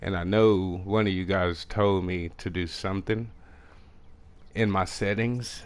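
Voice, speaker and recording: A young man with a country Texas accent who talks fast and mumbles, casually commenting on a fishing game he is playing. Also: deep voice, smooth. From Texas, USA. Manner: fast mumbling talk with restarts. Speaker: gaming streamer.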